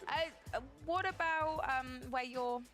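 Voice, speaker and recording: Female desk host, slightly high voice, playful and teasing, music under the studio mix. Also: fairly bright tone. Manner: playful, teasing, quick to laugh. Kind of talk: casual studio banter.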